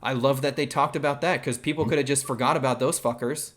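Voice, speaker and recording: A man in a mid-pitched, ordinary voice hosting a live talk stream. He gets excitable and swears freely as he rushes through his praise. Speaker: stream host. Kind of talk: casual chat.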